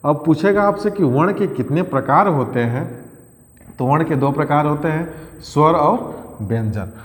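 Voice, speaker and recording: A man's voice: fairly high pitch, lively intonation, moderate pace. A male teacher giving an exam-prep grammar lesson, repeating key phrases and quizzing his pupils as he goes. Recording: echoey room with long reverb.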